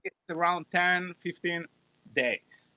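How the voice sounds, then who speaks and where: An Italian guitarist chats casually on a livestream, rambling, chuckling and poking fun at himself. His voice sits high and he talks slowly. The audio is poor, with a crowd audible behind him.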